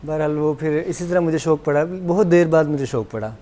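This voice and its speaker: A man who sings ghazals, talking calmly and modestly as a studio guest in a soft, low-toned voice. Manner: calm, unhurried, modest explanations. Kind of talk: casual interview chat. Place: television studio.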